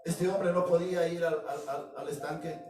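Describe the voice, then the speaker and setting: A man's voice: on the high side, fairly even intonation, moderate pace, a little mellow. A man, a pastor delivering a sermon with emphatic, repetitive phrasing that speaks directly to his congregation. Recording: echoey room, distant mic, music behind.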